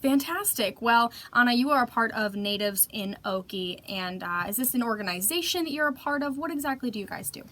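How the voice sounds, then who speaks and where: A woman's voice: on the high side, lively intonation, brisk, hardly any pauses, fairly bright tone. Bubbly woman radio host. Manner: bubbly, enthusiastic, emphatic. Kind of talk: upbeat radio show chat. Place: radio studio.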